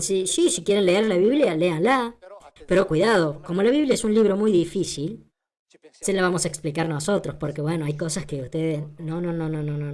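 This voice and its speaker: Woman, lecture voice-over, emphatic, rhetorical questions, lowish pitch, mellow dark tone. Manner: emphatic and rhetorical, repeats points and asks the audience questions.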